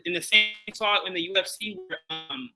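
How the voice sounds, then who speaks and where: A man from Chicago, a guest on a boxing interview, talking in a casual, animated way, restarting and repeating himself with many fillers. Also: high-pitched, moderate pace, music in the background, low-quality recording.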